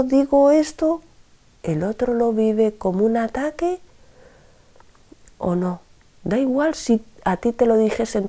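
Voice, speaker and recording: A woman with a voice on the high side teaches a spoken self-help lesson. She is expressive, dropping into soft whispers and then rising sharply for emphasis.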